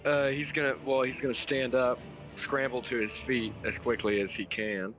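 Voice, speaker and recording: A man's voice: medium pitch, level tone, normal speed, fairly bright tone, soft background music. Laid-back man playing a tabletop game. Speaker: player. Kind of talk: casual tabletop play.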